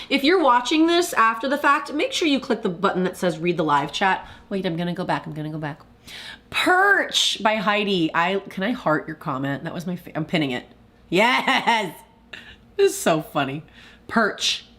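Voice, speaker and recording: A woman's voice: medium pitch, fairly bright tone. A young woman hosting a casual live stream, talking in a chatty, confessional way with lots of "like" and reading viewer comments aloud. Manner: chatty, confessional, with frequent "like" and quick laughs.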